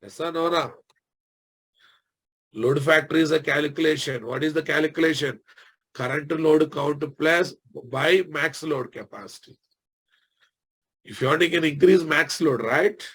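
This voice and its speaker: A man with a Telugu Indian accent and a slightly husky voice, teaching a live technical class, repeating phrases and quizzing his students informally. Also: fairly high pitch, unhurried, pauses often, fairly bright tone. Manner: repeats phrases, often addresses listeners informally. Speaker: programming instructor.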